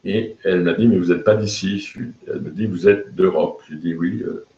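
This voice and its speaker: A man's voice: low-pitched, brisk, dark tone, a little hiss or hum. An older man from France, hosting a live video blog and telling stories casually, with many hesitations and fillers. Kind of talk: casual storytelling to camera. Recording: roomy, slightly dull sound.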